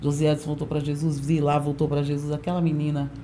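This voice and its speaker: Mellow low-voiced woman pastor telling stories. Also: fast, slight background noise. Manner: lively storyteller who acts out quoted voices. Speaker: pastor, podcast guest. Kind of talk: storytelling testimony in a podcast interview.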